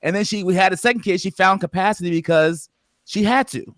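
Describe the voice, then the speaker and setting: A man's voice: high-pitched, quick pace, a bit bright, no echo, studio quality. A man hosting a podcast, speaking emphatically and bluntly in casual discussion, pushing his point with repetition. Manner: emphatic, insistent, drives to wrap up. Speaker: podcast host.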